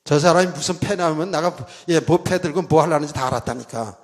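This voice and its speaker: A middle-aged male pastor preaching a sermon, telling stories with lively asides and mimicking a shouting revival preacher. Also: on the high side, fairly quick. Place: church sanctuary. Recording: church hall reverb.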